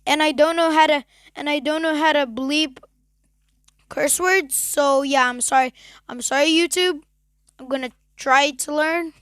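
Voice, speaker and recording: High-voiced woman chatting casually. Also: fairly even intonation, a little slow, a bit bright, no room sound, studio quality. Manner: chatty, apologetic. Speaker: host. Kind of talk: casual reaction chat.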